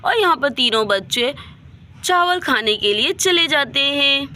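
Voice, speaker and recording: A woman's voice: high-pitched, animated, unhurried, bright, forceful tone. A woman narrating a doll bedtime story, voicing every character's dialogue herself. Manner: switches between plain narration and dramatic character dialogue.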